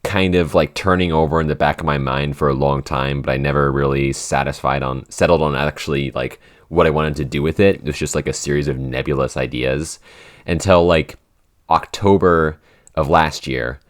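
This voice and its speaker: This podcast host and show writer, a young man, has a very deep, steady voice and a moderate pace. His casual chat meanders, heavy with filler words and restarts.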